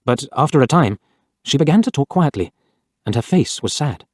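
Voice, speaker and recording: Man reading a storybook, lively pitch. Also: dry recording, clean studio sound. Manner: plain, measured first-person telling. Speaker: narrator.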